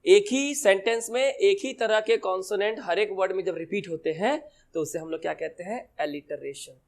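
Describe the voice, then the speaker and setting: Male tutor with a high voice, poses questions and answers them, reads examples slowly. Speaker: teacher. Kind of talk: exam-prep lesson.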